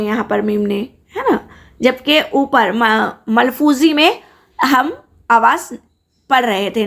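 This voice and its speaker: A woman teaching a grammar lesson, slowly pronouncing example words with careful stress and repeating them. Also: on the high side, fairly bright tone.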